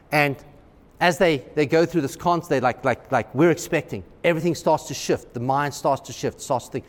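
A man preaching a sermon as pastor, emphatic and excitable, driving home repeated refrains. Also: fairly high pitch. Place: church sanctuary. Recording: long hall reverb.

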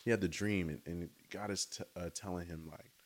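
A man with a notably low, deep voice gives an eager, easygoing faith talk. He speaks outdoors in a chatty tone and keeps checking in with his listeners. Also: steady tone, a little fast. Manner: enthusiastic, conversational, often says "right?" and "y'all". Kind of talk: casual devotional talk.

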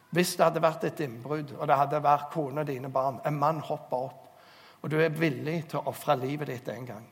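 A man preaching a sermon, telling stories and urging listeners earnestly, recorded in a church hall. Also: a little high. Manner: storytelling, earnest exhortation. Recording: long hall reverb.

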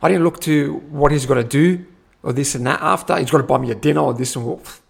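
A young man gives a casual motivational talk as a personal growth teacher, animated and repetitive, often saying "my friend". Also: fairly high pitch, quick pace, vocal fry, slightly rough. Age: young adult.

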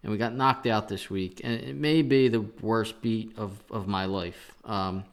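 Animated man venting about a lost bet. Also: on the low side, a little slow, gravelly. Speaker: podcast host. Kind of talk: casual sports betting chat.

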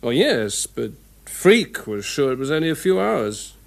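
An actor playing an earnest, methodical English police inspector, thinking aloud in a radio drama. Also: male voice, medium pitch, very animated, unhurried, gravelly. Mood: earnest, pondering.

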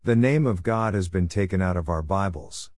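A man teaching on the week's Torah portion, reading scripture and commentary in a measured, earnest way. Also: low voice, a little mellow, no echo, clean studio sound. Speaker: Bible teacher.

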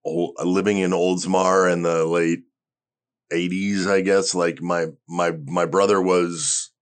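Low-voiced comedian chatting loosely. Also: male voice, flat delivery, takes it slowly, smooth. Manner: rambling, loose, swears casually. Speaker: stand-up comedian, podcast guest. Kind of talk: casual chat.

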